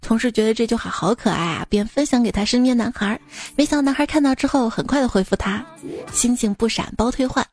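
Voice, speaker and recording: A woman's voice: a little high, fast talker, darkish tone, soft background music. A young woman hosting a show, reading listener jokes aloud in a teasing, chatty way and laughing at her own punchlines. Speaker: radio-style host reading listener jokes. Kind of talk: playful joke-reading monologue.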